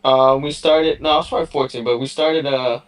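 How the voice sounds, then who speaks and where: A young man from Southern California talks about his boxing past in an easygoing, meandering way. His voice sits at a medium pitch, and he fills pauses with ums and you-knows. The sound comes over a remote call. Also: fairly even intonation. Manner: laid-back, rambling with many fillers. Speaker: boxer guest. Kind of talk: casual interview.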